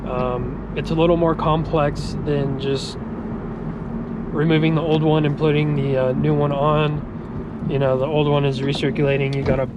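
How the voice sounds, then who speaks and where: Young guy vlogging outside, kinda monotone n halting, really loud wind and car noise. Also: on the high side, highs cut off. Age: young adult. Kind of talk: casual vlog talk.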